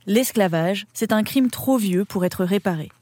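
A woman's voice: medium pitch, measured pace, a little mellow, no echo. A woman narrating a scripted history documentary with conversational touches.

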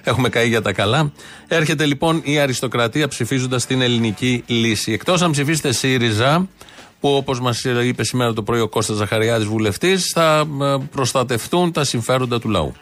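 A man's voice: mid-range voice, a bit bright. A man hosting a commentary show, mocking and ironic as he remarks on news clips. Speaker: radio show host.

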